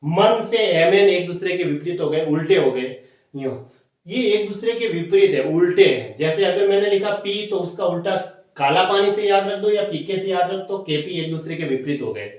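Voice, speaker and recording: Man, patient step-by-step teacher; high voice, distant mic, heavy room echo. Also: moderate pace, lo-fi sound. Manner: explains step by step with memory tricks, repeats points. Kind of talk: exam-prep lesson.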